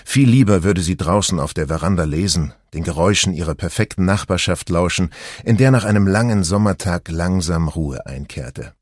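Cast: male audiobook narrator, calm and even, low voice, dry booth sound. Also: normal speed, no echo. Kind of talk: scripted narration.

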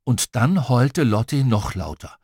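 A man narrates a children's story in a playful, expressive way, his pitch swinging widely from line to line. The voice sits at a middle pitch for a man, and the recording is dry and close with no room around it. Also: measured pace, slightly rough, no echo. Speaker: audiobook reader.

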